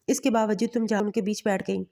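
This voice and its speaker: A woman's voice: mid-range voice, little pitch movement, vocal fry, warm tone, natural voice. A woman voicing a stern young husband who scolds in hard, clipped sentences.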